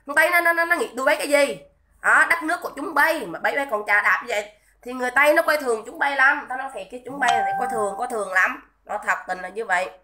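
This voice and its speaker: On a livestream, a woman rants in a scolding, indignant, repetitive way, pausing between tirades to greet her viewers. Her voice sits high and sounds pushed and bright, and she talks fast.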